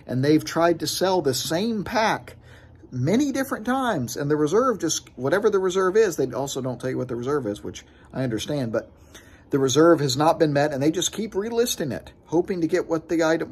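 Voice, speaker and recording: A man in his thirties with a slightly husky voice, speaking close to a phone camera. He rants casually to his viewers and sounds annoyed as he explains himself. He is recorded outdoors on a house porch. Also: a little high, lively intonation, brisk. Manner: frustrated, talks with his hands. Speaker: sports card collecting vlogger. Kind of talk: casual vlog rant.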